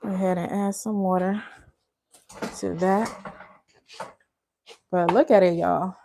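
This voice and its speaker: A Liberian woman hosts a live cooking stream, chatting casually, laughing often and calling her viewers y'all. Her voice sits on the low side, gravelly and warm, with a steady tone and a slow pace. There's a little hiss or hum in the recording.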